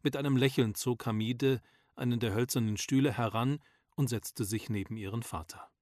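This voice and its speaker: Calm man narrating an audiobook. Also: mid-range voice, no echo, studio quality. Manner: calm, measured storytelling.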